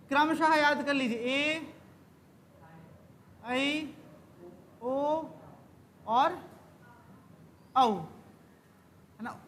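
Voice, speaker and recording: High-voiced woman teaching grammar. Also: fairly bright tone, slight background noise. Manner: quizzing, asks then answers her own questions. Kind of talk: exam-prep grammar lesson.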